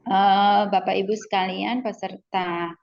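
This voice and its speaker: A woman from Solo, a lecturer speaking politely and haltingly on a webinar, filling her pauses with soft hesitations. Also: medium pitch, fairly even intonation, gravelly. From Solo, Central Java. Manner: slow, polite, many hesitant fillers. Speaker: lecturer and expert panelist. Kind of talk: formal webinar talk. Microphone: video call. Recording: dull lo-fi video call audio.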